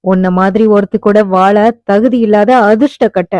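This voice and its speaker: In a dull, muffled audiobook recording, a woman lightly acts the part of a desperate young husband who begs at a hospital bedside and then grows fierce and commanding once angered. She speaks at normal speed in a steady, slightly mellow mid-range voice, and the recording is dry.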